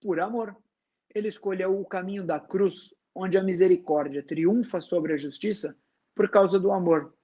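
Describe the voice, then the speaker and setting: A wise, serene woman, read by a man with a high voice in a dramatized book reading. She speaks softly and slowly but never gives ground. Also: fairly even intonation, slightly rough, muffled recording. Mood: gentle, firm. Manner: soft, slow and firm. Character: calm wise woman, gentle and insistent.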